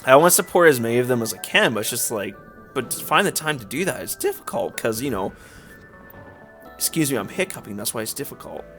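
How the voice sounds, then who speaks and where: A man's voice: medium pitch, lively intonation, quick pace, fairly bright tone. A man giving casual commentary while playing a game, rambling on with lots of filler words. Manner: rambling, filler-heavy, frequent "like". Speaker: let's play YouTuber. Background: faint game music.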